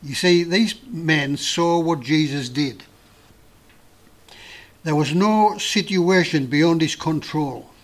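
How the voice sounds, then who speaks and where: A man preaching a sermon in an earnest, emphatic way with dramatic pauses. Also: on the high side.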